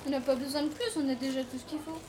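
An actress playing a sensible youngster out shopping, in natural radio drama dialogue. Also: female voice, high voice, fairly even intonation, fast talker, a little mellow, a little hiss or hum, natural voice. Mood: embarrassed.

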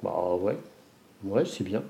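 A man's voice: deep voice, lively intonation, slow, creaky, mellow, heavily acted. An actor playing an evasive, listless husband in his sixties in a naturalistic radio drama, mumbling hesitantly in a roomy recording. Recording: roomy, noisy covert-style recording.

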